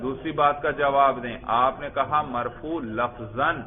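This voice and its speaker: A man leads a classroom grammar lesson at a middle pitch, asking his students one question after another. He praises correct answers and asks them to explain their reasons. His voice comes through thin and tinny, like a phone line. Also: steady tone, crowd noise. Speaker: teacher.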